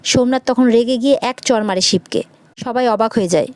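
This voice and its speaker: A woman narrating a recap of a television serial episode in a brisk storytelling manner. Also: fairly high pitch, a little mellow, clean tone, dry recording.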